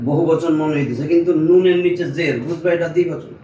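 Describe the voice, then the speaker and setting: A man's voice: a little high, steady tone, fast talker, mellow. Patient male teacher. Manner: patient, step-by-step, checks understanding with students. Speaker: Arabic grammar teacher. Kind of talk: informal classroom explanation. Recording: echoey room, mic at a distance, faint noise.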